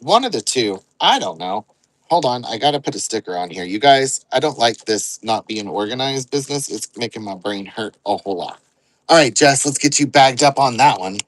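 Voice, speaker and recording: A man's voice: medium pitch, no echo, rough recording. A man hosting an online live sale, rambling and joking as he counts out items aloud. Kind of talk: casual live-selling chatter.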